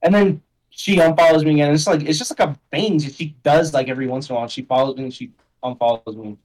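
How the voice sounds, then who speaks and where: Rambling slangy young man, higher voice. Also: quick pace, a little mellow, poor audio. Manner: rambling, slangy, heavy on "like" and "bro". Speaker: podcast guest. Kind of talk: casual chat.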